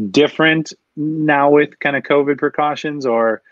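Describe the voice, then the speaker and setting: A man's voice: on the high side, takes it slowly, no room sound. A man hosts a casual interview over a video call, asking easygoing questions and nodding along with short "mm-hmm"s. His audio is dry and a bit dull and lo-fi. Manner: brief back-channel "mm-hmm"s, relaxed questions. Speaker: host.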